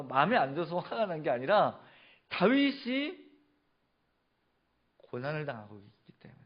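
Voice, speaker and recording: A man's voice: on the high side, highs cut off. A male pastor preaching a sermon, asking the congregation questions and answering them himself. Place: church sanctuary.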